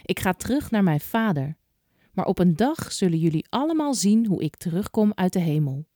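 A woman doing a calm, gentle teacher. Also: lowish voice, normal speed, no echo, clean studio sound. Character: calm, kind male teacher.

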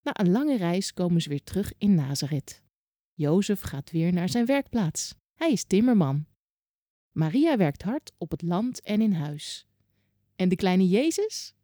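A woman narrating a children's Bible story in a clear, child-directed way. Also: lowish voice, very animated, a little slow, warm tone, no echo, clean studio sound.

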